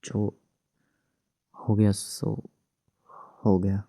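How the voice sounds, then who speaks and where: A man voicing a young husband married to his ex, gruff but tender, in a hushed, soothing, teasing whispered role-play. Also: fairly low pitch, completely flat delivery, drawn-out words, no echo, clean studio sound, exaggerated voice.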